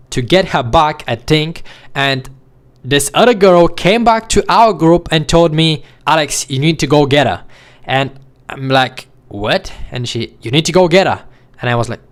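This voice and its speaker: Young man telling a story, slightly high voice. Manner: animated, acts out the scene with quoted voices. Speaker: vlogger. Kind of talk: casual storytelling to camera.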